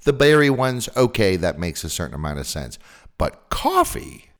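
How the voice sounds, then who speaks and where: A man's voice: sits low, big pitch swings, a little fast. A man hosting a casual interview, asking curious questions in a wry way. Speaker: host.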